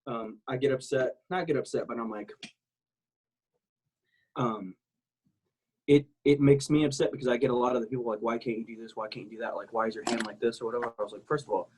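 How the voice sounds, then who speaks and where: A man's voice: medium pitch, fairly even intonation, fast, pauses often, darkish tone, a little hiss or hum, poor audio. A man from South Texas talking casually as a podcast guest, candid and rambling, swearing freely. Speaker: guest, military veteran.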